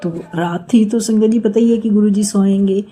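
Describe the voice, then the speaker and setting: A woman's voice: medium pitch, steady tone, normal speed, dark tone, husky, soft background music. A middle-aged woman from India sharing a long, earnest devotional testimony, rambling and repeatedly addressing the listeners directly.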